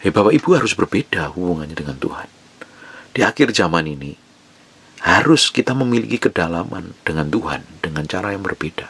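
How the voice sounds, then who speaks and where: Gravelly low-voiced male preacher. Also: lively intonation, brisk. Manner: conversational preaching, drops to a soft whisper when quoting prayers. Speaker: pastor. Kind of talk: sermon.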